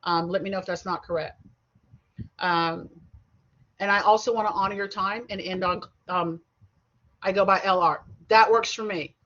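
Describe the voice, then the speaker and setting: A middle-aged woman gives an online college lecture over a video call. Her pitch sits in the middle and never strays far. She talks in a loose, chatty way, drifting into asides and correcting herself mid-sentence, and the lo-fi call audio sounds slightly dull. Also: steady tone, normal speed, pauses often, fairly bright tone, a little hiss or hum. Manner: chatty and digressive, with frequent asides and self-corrections. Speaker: college instructor.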